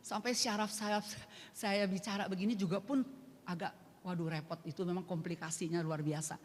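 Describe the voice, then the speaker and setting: An older woman sharing a personal faith testimony at a church prayer group, earnest and emotional, moving between soft and emphatic speech. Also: lowish voice, fairly even intonation, a little fast, a little hiss or hum. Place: church hall. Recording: echoey hall with long reverb.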